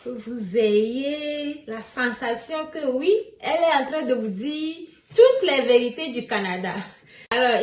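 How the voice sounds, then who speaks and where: A woman with a slightly crackly, higher voice explains news to her followers in a chatty vlog, repeating the main points. She sounds distant from the phone's mic. The room around her rings with echo. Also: darkish tone. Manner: chatty, laughs often, repeats key points. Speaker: immigration vlogger.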